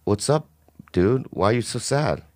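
A man's voice: fairly low pitch, animated, normal speed, heavy background noise. A man co-hosting a comedy podcast, riffing goofy bits in casual banter with frequent laughter. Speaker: podcast co-host.

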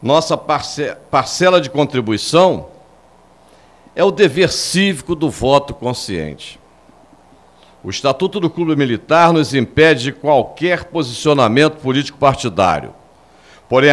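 An older man reads a formal statement aloud in a measured, solemn way at a podium microphone in an indoor hall. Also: mid-range voice, sing-song. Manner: measured, solemn official reading.

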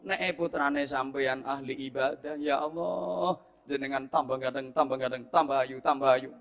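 Lively Javanese-accented man preaching with humor. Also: on the high side. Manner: lively storytelling, acts out scenes and mimics people. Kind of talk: humorous sermon.

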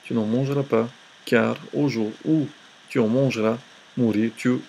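A man teaching an Old Testament class, reading scripture aloud slowly with hesitations and restarts. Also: mid-range voice, fairly even intonation, gravelly, a little mellow, slight background noise. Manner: slow, halting reading with restarts.

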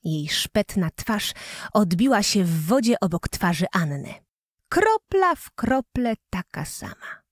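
A woman reading a fairy tale aloud as a storyteller, in an expressive, playful manner. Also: medium pitch, takes it slowly, dry recording, studio quality.

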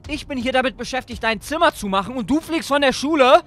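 A man's voice: extremely high pitch, animated, fast talker, a bit bright, faint music behind. A man voicing a stressed, strict father in a Roblox role-play, exasperated and scolding. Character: stressed, strict young dad.

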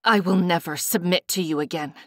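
A woman's voice: fairly low pitch, a little fast, fairly bright tone, dry recording, clean studio sound. A woman voicing a defiant, bitter captive female fae warrior in an audiobook. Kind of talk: audiobook character voice.

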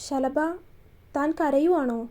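A woman's voice: high-pitched, slow pace, warm tone. A woman voicing a stern, commanding young man who questions firmly and bluntly. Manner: firm, questioning tone.

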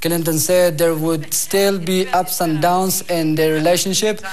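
Young guy reading the news, afghan accent, pretty high voice for a man, studio lapel mic. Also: fairly even intonation, measured pace, darkish tone, faint music behind. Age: young adult. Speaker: news anchor.

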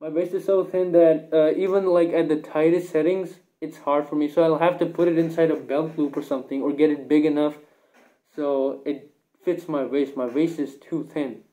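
A man's voice: on the high side, steady tone, moderate pace, warm tone, low-quality recording. Young man talking through a cloth mask. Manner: rambling, casual, hesitant. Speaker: gear reviewer. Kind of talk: casual product review.

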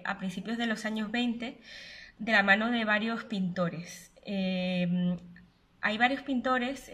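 A woman's voice: medium pitch, bright, forceful tone. A woman, giving an online lecture from home on a webcam, explaining at length with many fillers and self-corrections. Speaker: filmmaker and researcher giving a lecture. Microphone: webcam at close range.

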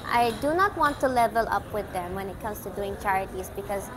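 A woman's voice: medium pitch, animated, brisk, crowd noise, rough recording. A young woman who grew up in Canada, a pageant candidate answering interview questions in a bubbly, casual way, switching between English and Tagalog with many ums. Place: indoor venue with red bench.

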